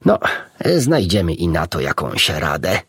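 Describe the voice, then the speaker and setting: A man's voice: sits low, big pitch swings, a little slow, slightly rough, no room sound, clean studio sound, exaggerated voice. A man as a jovial Doctor Dolittle. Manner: warm and laughing. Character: kindly jovial male animal doctor.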